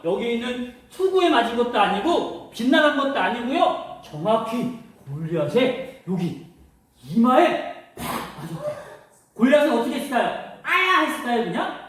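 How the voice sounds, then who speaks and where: A man preaching a children's sermon as a story, asking questions and adding sound effects. His voice is high and very lively. He sounds distant in a church room with heavy echo. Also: normal speed. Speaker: children's pastor. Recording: very echoey room, voice from afar.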